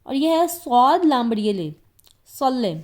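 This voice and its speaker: A woman's voice: sits high, animated. A woman with a Pakistani Urdu accent giving an explanatory Quran lesson, patiently repeating each point in simpler words. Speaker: Quran teacher.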